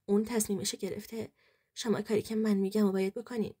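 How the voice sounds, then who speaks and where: A calm, persuasive male lawyer who gives steady, reassuring advice, as a woman storyteller voices him. The tone is mellow and a little husky. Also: medium pitch, natural voice.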